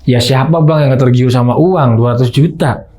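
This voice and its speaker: A man's voice: medium pitch, normal speed, warm tone. Chatty man telling a story. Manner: chatty, often addresses the listener as "bro". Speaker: guest storyteller. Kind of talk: casual storytelling.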